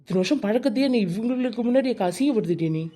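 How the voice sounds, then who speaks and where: Woman doing a tough village friend in a tamil cartoon, mellow voice, talks quick n blunt. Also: on the high side, animated. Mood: defiant. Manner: blunt, defiant.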